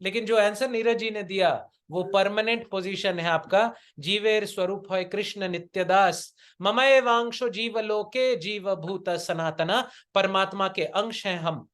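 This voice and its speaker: This Indian-accented man speaks in a high, steady, fairly bright voice at a slightly slow pace. Acting as a coach for a group, he gives a didactic spiritual talk full of rhetorical questions, mixing Hindi with English.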